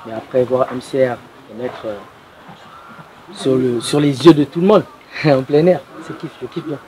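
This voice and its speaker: A man, a music artist, giving a relaxed, slangy interview statement. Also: mid-range voice, moderate pace, low-quality recording.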